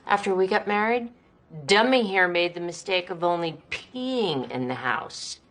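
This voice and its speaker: A sarcastic bossy wife. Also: female voice, on the low side, expressive, unhurried, a bit bright. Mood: teasing. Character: bossy sarcastic married woman, quick teasing wit. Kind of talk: sitcom acting.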